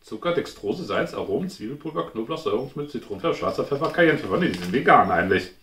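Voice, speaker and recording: Animated man reviewing snacks, echoey room. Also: medium pitch, racing. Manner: informal, thinking aloud while tasting. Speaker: food review host. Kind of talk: casual chat, snack taste-test review. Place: indoors at home, in front of a glass cabinet. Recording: roomy echo, clear background noise.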